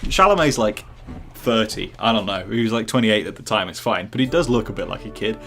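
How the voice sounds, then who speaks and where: A man's voice: fairly low pitch, lively intonation, brisk, vocal fry, fairly bright tone, soft background music. A man streaming live gameplay who rambles, jokes and chats with his viewers. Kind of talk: casual live gameplay commentary.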